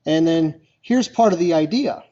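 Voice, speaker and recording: Male user-group presenter, chatty and informal, higher pitch, muffled recording. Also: expressive, normal speed, warm tone. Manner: chatty, loose, many fillers and restarts. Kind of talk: casual presentation to a meetup.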